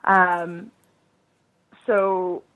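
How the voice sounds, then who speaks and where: A woman's voice: on the low side, little pitch movement, extremely slow, dry recording. A woman therapist explaining pelvic floor care in an interview, her voice coming through a tinny phone line, reassuring and practical with frequent fillers.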